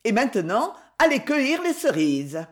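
Woman doing a snippy arrogant stepmom, raised high and loud, voice swooping all over the place. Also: very animated, moderate pace. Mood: furious. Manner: acerbe, haughty, scolding. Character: sharp arrogant middle-aged stepmother, scolding. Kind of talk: audiobook reading.

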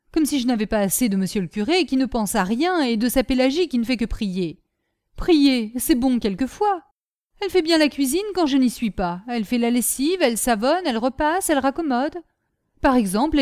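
A woman reader voicing a grumbling, quarrelsome old woman servant who scolds without pause. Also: high-pitched, darkish tone, pitched above the performer's own voice. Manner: scolding, quarrelsome, quick retorts.

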